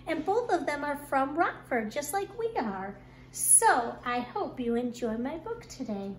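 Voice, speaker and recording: Slow and high-voiced, a woman reads a rhyming children's book the way a kindergarten teacher would, with expressive, deliberate storytelling. Clear background noise fills the echoey room.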